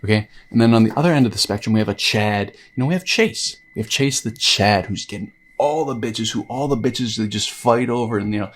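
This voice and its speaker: A man's voice: medium pitch, brisk, hardly any pauses. A young man in his twenties delivers a comedic self-help rant about dating. His voice sits in an ordinary middle register. He swears freely and speaks in a pushy pep-talk manner. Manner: brash, profane, pep-talk tone. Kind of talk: comedic dating advice monologue.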